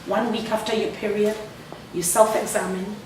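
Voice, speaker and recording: A woman's voice: mid-range voice, steady tone, normal speed. A woman speaking earnestly and emphatically, with touches of humor, as a guest in a live radio interview. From Ghana. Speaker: charity founder and cancer survivor. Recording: echoey room, distant mic, background noise.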